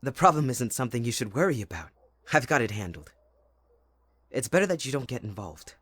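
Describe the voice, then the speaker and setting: A man playing Jack Frost, a playful, possessive young winter spirit, with a husky voice in a dramatic, intimate ASMR roleplay. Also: medium pitch, very animated, brisk, fairly bright tone, dry recording. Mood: uneasy, protective. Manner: teasing, dramatic, addressing the listener closely.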